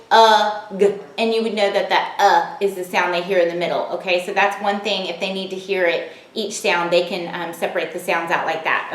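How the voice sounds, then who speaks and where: Woman phonics teacher, clear and encouraging, slightly high voice. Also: fairly bright tone, echoey room. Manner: clear, encouraging, sounds words out slowly. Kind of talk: recorded home-learning lesson.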